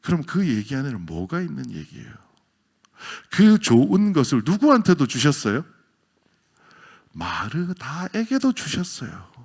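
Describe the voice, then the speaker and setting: A man preaching a sermon as a pastor, with a Gyeongsang accent, swinging from loud exclamations to near whispers. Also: a little high, huge pitch swings, measured pace, husky. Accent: Gyeongsang Korean.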